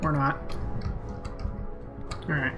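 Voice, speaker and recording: A chatty game streamer talking casually over live gameplay, reacting as things happen. The voice sits at a middle pitch. Mouse clicking can be heard behind. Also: level tone, takes it slowly, music in the background.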